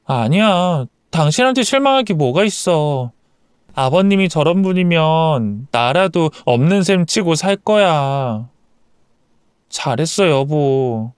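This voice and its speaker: A man doing a gentle young wife. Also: fairly high pitch, lively intonation, takes it slowly, smooth, no echo, clean studio sound. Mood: reassuring. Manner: pleading, soothing.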